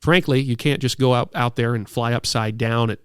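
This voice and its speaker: A man in his thirties talks as an interview guest in a casual, enthusiastic storytelling way. His pitch sits in the middle, and the sound is dry and close. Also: fairly even intonation, fairly quick, clear, resonant tone, no echo. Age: 30s. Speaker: air show announcer, interview guest.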